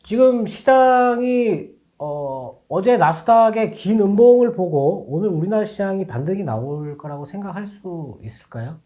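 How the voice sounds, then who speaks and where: A man's voice: high-pitched, expressive, normal speed, hardly any pauses, dark tone. A man working as a stock market analyst explains the day's trading on a finance show, reasoning aloud and often restarting or repeating phrases.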